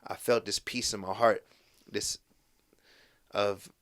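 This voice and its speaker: Speaking slowly in a lowish voice, this young podcast guest, Moroccan-born and raised in the US, rambles through his stories with plenty of fillers. He brings quoted people to life with lively voices during the casual conversation.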